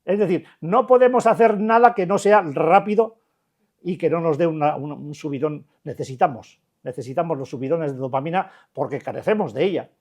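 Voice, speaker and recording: Older man, Basque Spanish accent, recovery-group speaker, blunt and colloquial, a bit high-pitched. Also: a little fast, darkish tone. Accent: Spanish, Basque Country. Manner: colloquial and blunt, many restarts and rhetorical questions. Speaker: addiction recovery counselor. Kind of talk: informal talk to a recovery group.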